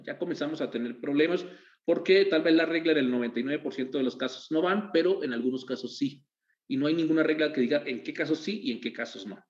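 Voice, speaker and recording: Male instructor, slightly high voice, patient repeating explainer, echoey dull lo-fi capture. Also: quick pace. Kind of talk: screen-share tutorial. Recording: roomy, dull lo-fi sound.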